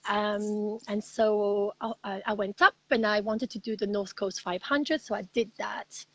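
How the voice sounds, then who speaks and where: A woman guest talking over a video call from inside her camper van, lively and chatty. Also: mid-range voice, a little slow, dry recording, poor audio. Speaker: interview guest, freedom coach. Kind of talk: casual chat.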